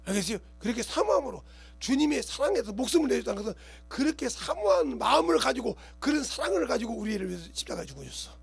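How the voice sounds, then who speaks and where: A man preaches in a rapid, conversational sermon, his voice pitched unusually high. His tone is heavily gravelly and rough, never smooth. He acts out little scenes and keeps checking whether his listeners understand. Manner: colloquial preaching, keeps asking the congregation if they understand; animated, acts out scenes with gestures and quoted voices. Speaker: pastor.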